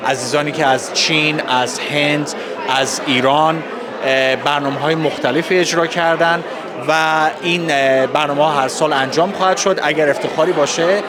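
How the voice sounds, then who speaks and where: A man with an Iranian Persian accent giving formal, courteous, halting interview answers. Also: a little high, fairly even intonation. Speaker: festival organizer interviewee. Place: public festival space with crowd. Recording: busy crowd noise, outdoor public event.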